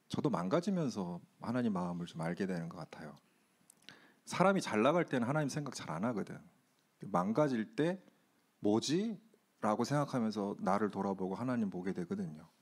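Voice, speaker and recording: A man's voice: fairly low pitch, darkish tone. A middle-aged man, a pastor, candidly telling a self-mocking personal story during a youth retreat Q&A.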